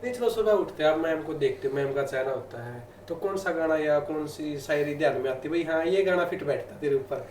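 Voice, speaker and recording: A man's voice: fairly high pitch, a little fast, hardly any pauses, darkish tone, reverberant, a little hiss or hum. A man hosting a casual interview, asking teasing, joking questions. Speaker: interviewer, host.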